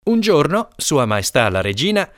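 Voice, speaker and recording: A man reading a comic folk tale aloud with lively, swooping intonation. His voice sits at a middle pitch and sounds dry and close, with almost no room around it. He reads as a playful storyteller. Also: normal speed, dry recording. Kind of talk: scripted narration of a folk tale.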